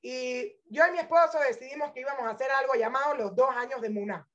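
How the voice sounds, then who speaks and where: A woman in her thirties, born in Venezuela and raised in Panama, speaks quickly in a high, slightly bright voice. A Torah teacher, she gives an informal religious talk built on personal stories, dropping in English phrases. The audio is dull and lo-fi.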